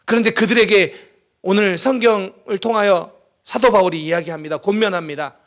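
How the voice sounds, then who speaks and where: A middle-aged man preaching a sermon as pastor, telling stories with dramatic pauses and emphasis. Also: sits high.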